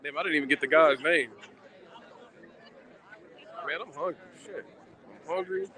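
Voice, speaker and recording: A man's voice: fairly high pitch, moderate pace, bright, forceful tone. A man livestreaming outdoors, chatting casually and in slang with his audience. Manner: slangy, informal. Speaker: livestreamer at a protest. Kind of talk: casual chat with a live audience. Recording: outdoor street with crowd behind.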